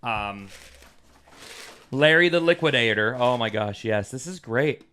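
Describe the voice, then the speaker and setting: Animated male podcast co-host. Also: mid-range voice, a little slow, clear, resonant tone. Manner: animated, exclaiming, mock-outraged. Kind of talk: casual podcast banter.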